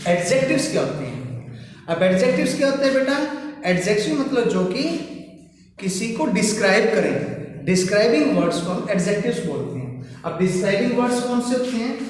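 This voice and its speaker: A man's voice: sits high, slight background noise. A man teaching English grammar to children in a classroom lesson, asking many rhetorical questions and repeating key points. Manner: addresses students as children. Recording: echoey room from a distant mic.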